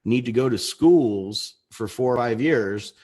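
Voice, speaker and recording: A man's voice: mid-range voice, a little slow, darkish tone, breathy edge. A man in his thirties co-hosting a casual livestream chat, rambling and restarting his sentences. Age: 30s. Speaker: co-host.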